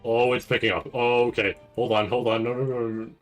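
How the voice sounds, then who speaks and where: Over soft background music, a man runs a reaction stream in a brisk, flat mid-range voice. His chat is loose and rambling, built from half-formed thoughts spoken aloud, and he frequently tacks a questioning check onto what he says.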